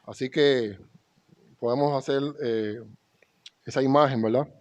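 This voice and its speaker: A pastor with a Dominican Spanish accent preaches to his congregation, reading scripture aloud with rising emphasis. His medium-pitched voice is steady and darkish in tone, moving at a slightly slow pace.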